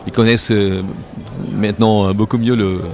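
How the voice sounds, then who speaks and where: A non-native French-speaking man with a foreign accent answers interview questions as a company representative, haltingly, repeating words as he searches for phrasing. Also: on the low side, flat delivery. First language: not French. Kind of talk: interview answers at a trade show. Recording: busy trade-show crowd behind. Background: crowd chatter of a trade fair.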